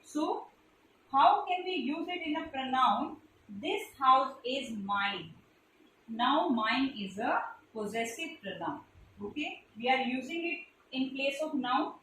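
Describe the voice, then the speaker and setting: A woman's voice: high-pitched, lively intonation, slow, fairly bright tone, a little hiss or hum. A woman teacher with an Indian English accent, explaining grammar step by step to pupils in a classroom and spelling out letters. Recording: echoey room recorded from a distance.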